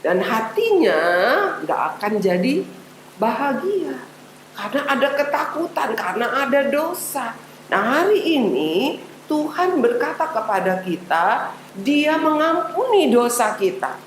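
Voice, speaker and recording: A woman giving a gentle devotional talk to children, often asking them questions and adding a soft "ya" to her sentences. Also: fairly high pitch, big pitch swings, unhurried. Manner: gentle, asks children questions, frequent tag "ya". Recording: roomy echo, faint background noise.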